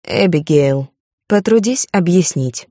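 A woman's voice: lowish voice, animated, slow, warm tone, no echo, clean studio sound. A woman voicing a stern, haughty aristocratic viscountess who speaks in a cold, clipped, commanding way. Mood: severe.

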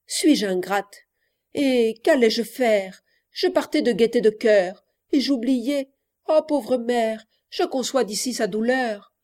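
A woman's voice: fairly high pitch, takes it slowly, darkish tone. A woman voicing an impulsive seventeen-year-old girl who longs to elope, declaiming a theatrical verse monologue. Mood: tender.

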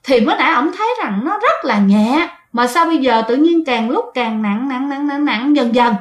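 Chatty high-voiced woman storyteller. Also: animated, moderate pace. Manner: chatty, addresses listeners, restarts often. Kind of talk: casual ghost-story narration. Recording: roomy echo.

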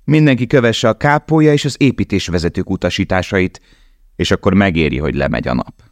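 A man's voice: low voice, lively intonation, no echo, studio quality, voice pushed up. A man voicing a harsh, smug camp guard giving orders in an audiobook. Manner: barked commands.

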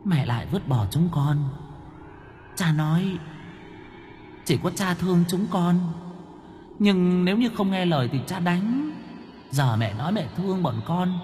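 A thin, high chorus of ghost children, put on by a male narrator, whimpering and pleading for their mother. The voices are soft and slow and ring out in a long, hollow reverb, with quiet music behind them. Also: sing-song, a little hiss or hum. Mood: sulky.

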